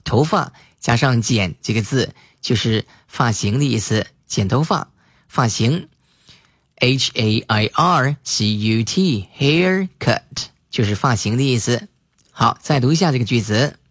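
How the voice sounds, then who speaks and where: A man teaches English words in a recorded lesson, spelling each word and repeating the example sentences slowly. His voice sits at an ordinary middle pitch and is recorded dry and close. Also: lively intonation, a bit bright, no echo.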